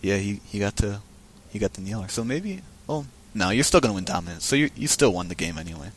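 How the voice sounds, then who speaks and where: A man's voice: on the low side, big pitch swings, fast, husky. A man giving casual, chatty commentary on a card game match, thinking aloud as he goes.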